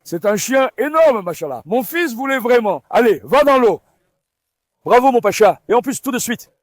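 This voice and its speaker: Male vlogger, high pitch, coaxing and commanding his dogs, dry sound. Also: sing-song, moderate pace, dry recording. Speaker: farm dog owner and vlogger. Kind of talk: casual vlog talk to camera and dogs.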